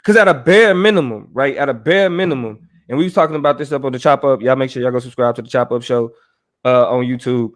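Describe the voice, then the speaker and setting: Speaking fast in a medium-pitched voice, a male show host runs a casual debate recap. His tone is conversational, and he often checks in with listeners using "right?" and "you know what I mean."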